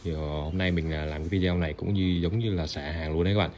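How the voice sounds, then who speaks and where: A man with a low, steady, slightly mellow voice talks fast over slight background noise. Selling used Japanese rice cookers online, he runs a chatty product showcase in a tiled indoor room with items on the floor, addressing viewers directly and repeating himself often.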